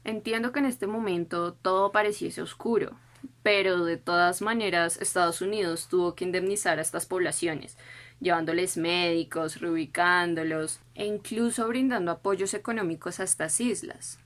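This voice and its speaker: A woman's voice: on the low side, fairly even intonation, normal speed, a bit bright. A woman reading skeptical, questioning lines in a scripted school debate.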